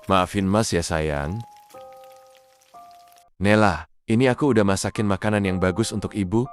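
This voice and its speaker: A man voicing a sweet, affectionate young husband and new father in an animated drama. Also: sits low, moderate pace, soft background music, close to an everyday voice.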